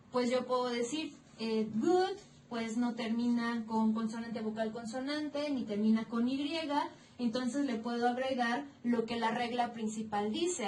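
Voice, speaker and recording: A Mexican woman teaches grammar in a recorded lesson, walking through each rule slowly and clearly. Her voice sits high and moves at an unhurried pace. She is heard from a distance in an echoey room with a faint hum of ambience behind her. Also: darkish tone. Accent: Mexican Spanish. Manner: slow, clear, stressing each rule step by step. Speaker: English teacher.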